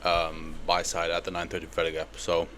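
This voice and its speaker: Young guy with a slight lisp, deep and pretty monotone, faint ac hum behind him. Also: fairly quick. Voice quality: slight lisp from a palate expander. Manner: casual, relaxed, with fillers. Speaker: trading educator. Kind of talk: screen-recorded trade breakdown.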